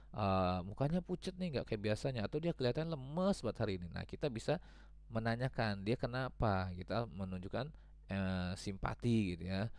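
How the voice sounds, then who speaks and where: A man's voice: lowish voice, darkish tone, no echo. A man teaching English to children, patiently repeating each example and translating it. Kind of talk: explaining a grammar lesson to children.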